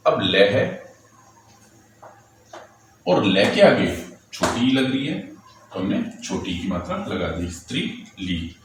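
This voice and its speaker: A man's voice: low-pitched, very animated, slow, pauses often. A male teacher patiently explaining, step by step, how letters and vowel signs are written, asking and then answering his own questions. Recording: very echoey room, distant mic, faint noise.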